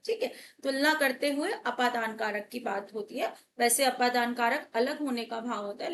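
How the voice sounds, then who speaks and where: A woman's voice: fairly high pitch, slight background noise. A young woman teacher working through exam questions, asking and answering her own questions as she explains. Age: young adult. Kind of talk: exam paper walkthrough lesson.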